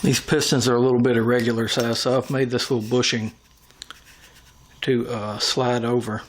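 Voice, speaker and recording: A man's voice: mid-range voice, little pitch movement, moderate pace, a little hiss or hum. A man giving a hands-on workshop tutorial, talking through each step as he works with his tools. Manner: talks through each step while working. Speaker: airgun tuner demonstrating machining.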